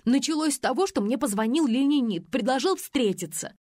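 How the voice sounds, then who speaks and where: A frightened young swindler, played by a woman reader, pleads in a high, tearful voice that leaps about. The audiobook sound is dry and close. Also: expressive, measured pace, husky, dry recording, exaggerated voice. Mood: tearful pleading.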